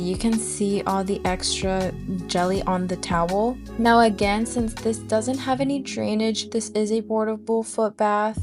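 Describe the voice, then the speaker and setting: A woman of about twenty, talking informally and chattily to viewers in a casual tutorial vlog style. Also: mid-range voice. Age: 19, about to turn twenty. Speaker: nail tech video host. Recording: music behind the voice. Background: background music.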